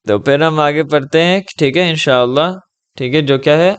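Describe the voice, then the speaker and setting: A man giving a patient one-on-one Arabic lesson over a video call, gently reassuring and checking in often. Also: fairly high pitch, clean tone. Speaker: Arabic tutor.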